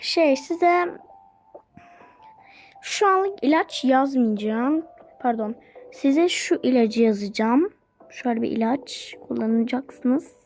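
A young woman voicing a polite doctor in a toy role-play game, speaking slowly and formally. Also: high-pitched, expressive, darkish tone, soft background music, exaggerated voice. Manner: slow, formal and courteous.

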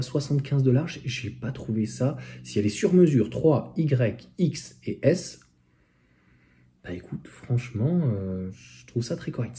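A man talks through car accessories in a loose, casual review. His voice is very dark and mellow, sitting at an ordinary pitch. He hesitates often and fills gaps with fillers and restarts. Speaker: electric car vlogger.

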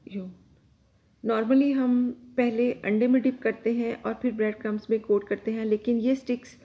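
A woman hosting her own cooking channel, calmly explaining each step of a recipe to viewers from her home kitchen. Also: fairly high pitch, lo-fi sound. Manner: calm, instructive, addresses viewers directly.

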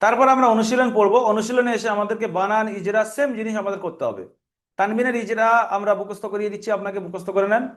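A man's voice: high voice, steady tone, fast talker. A male teacher with a Bengali accent giving a recorded reading lesson, patiently spelling out letters and repeating drills.

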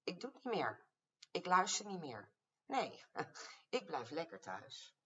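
A woman's voice: lowish voice, very animated, slow, sharp tone, pitched above the performer's own voice, full character voice. An older woman voicing the youngest dinosaur, a stubborn boy who refuses to go along, in a storybook verse. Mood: defiant. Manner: defiant, playful. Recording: distant, dull lo-fi home recording.

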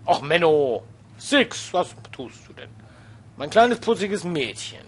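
A man's voice: fairly high pitch, sing-song, takes it slowly, fairly bright tone, breathy edge. A man commentating a video game as he plays, muttering to himself and shrieking when startled. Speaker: let's play gamer.

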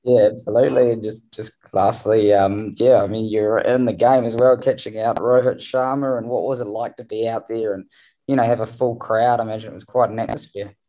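A man's voice: lowish voice, flat delivery, a little fast, mellow, rough recording. A man running a press conference, asking questions hesitantly with many fillers. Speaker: media manager hosting a press conference.

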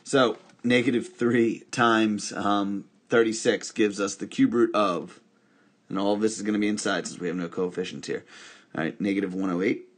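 A man's voice: on the low side, steady tone, moderate pace. A man teaching a recorded math lesson, talking through each step by asking and answering his own questions, with wry asides along the way.

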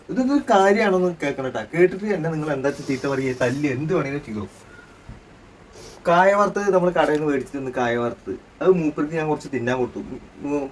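A man's voice: on the high side, far from the mic, slight background noise. A middle-aged man playing the joking father in a family comedy skit, scolding and teasing and repeating himself.

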